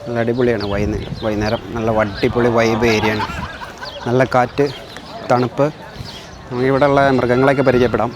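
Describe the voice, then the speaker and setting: A man's voice: mid-range voice, little pitch movement, brisk. A Malayali man giving casual vlog commentary outdoors, slipping English words into his Malayalam as he talks. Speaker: vlog host. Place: outdoors in a zoo park. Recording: clear outdoor ambient noise, birds.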